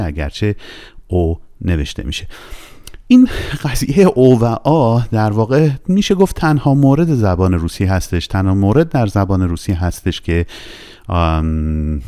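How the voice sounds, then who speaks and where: A patient male language teacher, explaining letters and sounding out example words slowly and deliberately. His voice sits very low, yet it rises and falls a great deal as he stresses points. The tone is dark and mellow. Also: no echo. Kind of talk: recorded Russian lesson in Persian.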